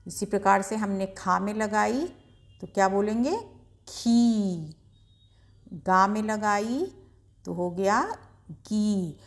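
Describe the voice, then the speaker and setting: A woman leads a slow beginner reading lesson at an unhurried pace. Her pitch sits in a middle range. She is patient and sounds out each syllable, drawing out and stressing every long vowel. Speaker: Hindi reading teacher.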